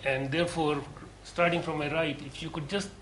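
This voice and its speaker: A man giving a lecture to a seminar group, earnest and deliberate, pausing often with hesitations. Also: on the high side, steady tone, a bit bright, slight background noise, rough recording. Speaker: course lecturer.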